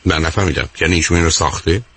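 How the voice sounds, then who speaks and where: A man's voice: a bass voice, fairly bright tone, husky. A man hosting a radio call-in as a psychologist, interrupting insistently and repeating "my dear" and "wait".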